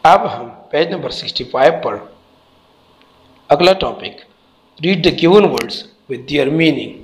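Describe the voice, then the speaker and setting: Slow, deliberate male teacher. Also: fairly high pitch, lively intonation, rough recording. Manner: deliberate, spells out letters and repeats words. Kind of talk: textbook lesson explanation.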